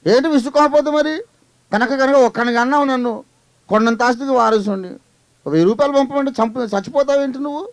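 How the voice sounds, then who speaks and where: A man's voice: sits high, very animated, fast talker, darkish tone, no room sound, voice pushed up. A man voicing a spoiled young son who whines and complains indignantly. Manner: complaining, exasperated.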